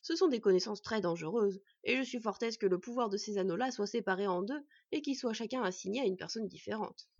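A woman voicing a proud old male dwarf blacksmith with booming, emphatic exclamations. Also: fast, hardly any pauses, breathy edge, dry recording, lo-fi sound. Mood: alarmed.

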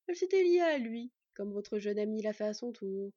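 A soft-spoken old one-eyed god, grave and kind, as a woman reads him aloud. Her tone stays dark and mellow, set in a dry, dull storybook recording. The manner is measured and gentle. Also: medium pitch, animated, dry recording, lightly acted. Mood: kindly.

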